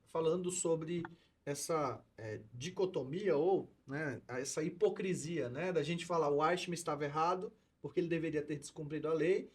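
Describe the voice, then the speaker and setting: A man in a podcast discussion lays out ideas like a teacher in class. His voice sits a little high and sounds husky, and he explains patiently, point by point. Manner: explanatory, lecturing tone. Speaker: co-host, law and philosophy teacher.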